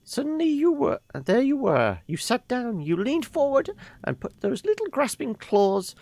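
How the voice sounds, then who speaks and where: A kindly old woman from a game story, acted out by a player, her voice pitched high and creaky. She speaks tenderly and haltingly, like a gentle mentor offering reassurance. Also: very animated, no echo, heavily acted. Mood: fond reminiscing.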